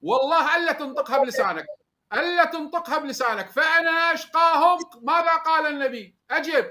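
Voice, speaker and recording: A man's voice: extremely high pitch, expressive, fast talker, bright, forceful tone, slight background noise. A man, interrupting and demanding answers. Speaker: debater. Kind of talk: heated religious debate.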